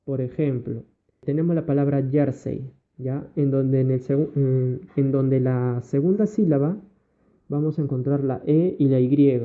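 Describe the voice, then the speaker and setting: A man's voice: mid-range voice, steady tone, a little slow. A male primary school teacher with a Peruvian Spanish accent, giving a recorded online lesson over slides and explaining step by step, checking in with his pupils often. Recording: tinny phone-like audio.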